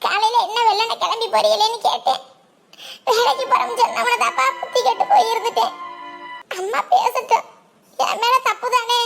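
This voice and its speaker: A woman's voice: extremely high pitch, gravelly, fairly bright tone, full character voice. A woman voicing an old village grandmother in a cartoon, with a southern Tamil village accent, wailing and scolding in a laughing, lamenting way. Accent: southern Tamil Nadu village Tamil. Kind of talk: cartoon voice acting.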